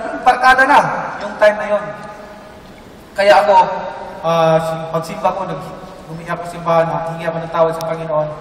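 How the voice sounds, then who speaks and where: A man giving an earnest, halting personal testimony to a group. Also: high-pitched, a bit bright. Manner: earnest, halting, with many restarts. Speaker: testimony speaker. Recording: echoey room, mic far off.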